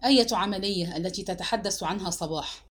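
A woman reading the part of a grieving husband who shouts accusing questions. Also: on the high side, expressive, fast talker. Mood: furious. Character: grief-stricken, furious husband demanding answers. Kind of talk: dramatic novel narration.

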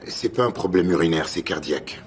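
An actor dubbing an exasperated male doctor colleague in a TV drama, flat and defensive. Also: deep voice, fairly quick, a little hiss or hum. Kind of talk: dubbed TV drama.

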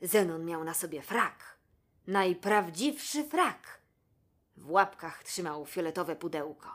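A woman reading a children's story aloud in a gentle, measured way. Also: fairly low pitch, lively intonation, slightly rough. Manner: gentle, measured, addresses the listener.

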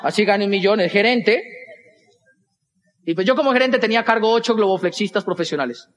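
A young Colombian comedian with a high voice tells a stand-up story, animatedly acting out the other characters and switching voices quickly. A long reverb tail follows his speech.

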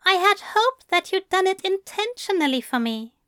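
A woman voicing a fussy, gentle male angel who speaks in a prim, courteous, old-fashioned way. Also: very high-pitched, big pitch swings, normal speed, dry recording, studio quality, voice pushed up, full character voice. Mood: adoring. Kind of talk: fan audiobook reading.

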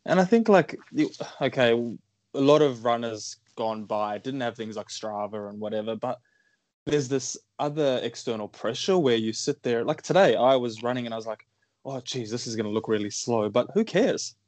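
A man's voice: mid-range voice, lively intonation, moderate pace, a little mellow, dry recording. A man giving his opinions on running in a casual podcast chat, rambling and using "like" a lot. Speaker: runner guest.

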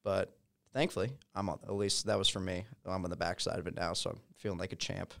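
A man's voice: low-pitched, steady tone, quick pace, vocal fry, a bit bright, dry recording. A young man co-hosting a casual podcast, with laid-back, joking banter. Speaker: podcast co-host. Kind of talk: casual chat.

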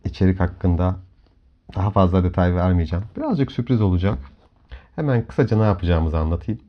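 A deep-voiced man leads a guided hypnomeditation, speaking slowly, calmly, and softly with measured instructions and long pauses. The audio is dull and lo-fi, sitting under clearly audible background music.

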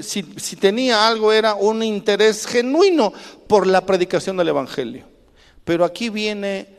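High-voiced man preaching emphatically. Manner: emphatic preaching with call-and-response prompts. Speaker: pastor. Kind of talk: sermon. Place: church. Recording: reverberant church hall.

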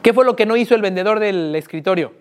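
A man whose voice sits high and who talks fast runs a live sales workshop as a trainer with a Mexican Spanish accent. Lively throughout, he puts frequent questions to the room.

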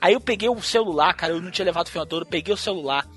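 A man from Brazil telling a wild story in a casual, profane and animated way, acting out what people said. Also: high voice, racing, faint music behind. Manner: profane, animated storyteller who acts out quotes. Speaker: podcast host.

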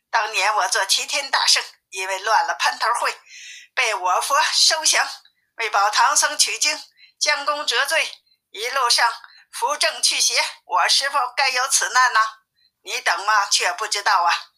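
A woman's voice: fairly high pitch, unhurried, bright, forceful tone, heavily acted, poor audio. A woman reading the lines of a bold, boastful male monkey king in a storybook reading. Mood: proud.

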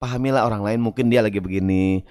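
A man preaching a lively, humorous sermon, chanting Arabic verses and acting out little voices. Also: fairly low pitch, fast talker. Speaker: Islamic preacher.

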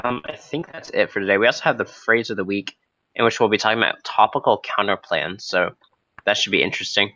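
A young man with a low, froggy voice, hoarse from a cold, hosts a podcast off the cuff. His delivery is casual and hesitant, with a bright, forward edge. The recording is close and dry. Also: fast, dry recording, muffled recording. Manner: hesitant, loosely unscripted. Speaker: podcast host. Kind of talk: casual, spontaneous podcast talk.

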